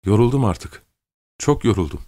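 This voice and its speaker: A worn-out young factory worker who speaks softly and evenly, as a man reading a storybook plays him, in a low, calm voice. The sound is dry and close. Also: moderate pace, no echo, natural voice. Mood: weary calm. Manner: calm, soft, flat-toned.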